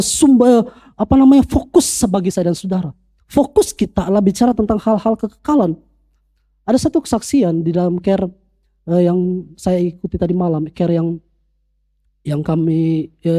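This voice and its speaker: A male pastor preaching a sermon from the church pulpit, repeating phrases and rising to animated emphasis. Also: high-pitched.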